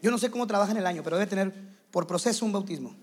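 A man preaching a sermon to church leaders, animated and playing out quick scenes in other voices. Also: high-pitched. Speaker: pastor.

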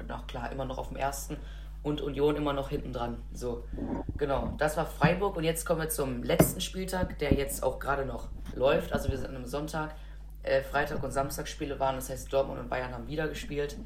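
Low-voiced chatty woman, casual chat. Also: noisy background. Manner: enthusiastic, chatty, many fillers. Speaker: football podcast co-host.

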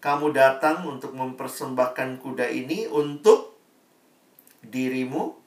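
Seorang raja yang bijak dan tenang, dibawakan oleh seorang pria, berbicara pelan dan terukur. Suaranya menggema di ruangan dan terdengar dari jauh. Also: male voice, mid-range voice, a little slow, lightly acted. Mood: solemn. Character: gracious, thoughtful old king. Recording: echoey room, voice from far off.

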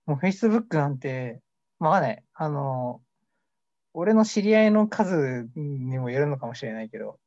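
A man's voice: a little high, sing-song, measured pace, darkish tone, no room sound. A young man co-hosting a casual mock radio show, rambling and joking at himself. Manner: rambling, jokey, self-deprecating. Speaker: amateur radio show co-host. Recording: dull lo-fi dry recording.

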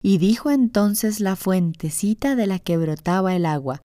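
A woman narrating a children's fairy tale in a gentle, expressive way. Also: medium pitch, moderate pace, dry recording, studio quality. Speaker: storyteller. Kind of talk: children's storytelling. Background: faint music.

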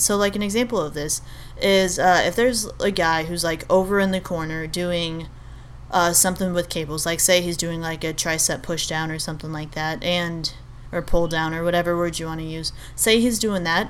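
A woman's voice: fairly low pitch, a little hiss or hum. A young woman from Albania hosting a podcast, talking in a rambling, casual monologue full of fillers and restarts. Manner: chatty, rambling, many fillers and self-corrections. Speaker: podcast host.

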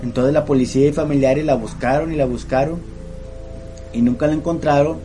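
A man tells a spooky tale in casual, slang-heavy podcast chat. His voice is dark and mellow, and faint music plays underneath. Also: a little high, steady tone, brisk. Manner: slangy, peppers every phrase with "güey". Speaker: podcast co-host, storyteller. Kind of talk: casual podcast chat, telling a ghost story.

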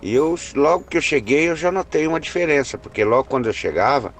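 A man telling a personal story in a hesitant way, repeating words and slowing down for suspense. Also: a little high, animated, a little hiss or hum. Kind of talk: first-person spoken storytelling.

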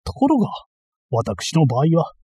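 A man's voice: on the high side, huge pitch swings, a little slow, warm tone, breathy edge, dry recording, exaggerated voice. Man voicing a ranting bumbling thief. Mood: indignant. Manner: boastful, ranting, easily flustered. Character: blustering bumbling self-styled master thief, man.

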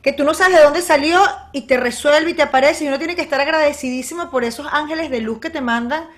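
A woman's voice: high-pitched, fast. A woman hosting a casual interview, effusive and emphatic. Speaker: host.

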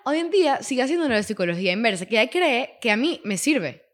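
Young woman, blunt and jokey, bit high voice, just chatting on a podcast. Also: big pitch swings, quick pace. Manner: frank, banters, blunt slang. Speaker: podcast co-host. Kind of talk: casual chat.

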